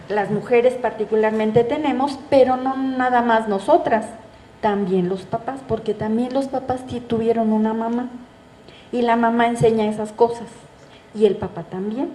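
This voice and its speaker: A middle-aged woman lectures to an audience, her voice slightly high yet mellow and warm. She speaks conversationally and keeps asking rhetorical questions. The room is echoey, with a faint hum of background noise. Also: measured pace. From Mexico. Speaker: psychoanalyst giving a talk. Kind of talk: public lecture. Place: bookstore event space.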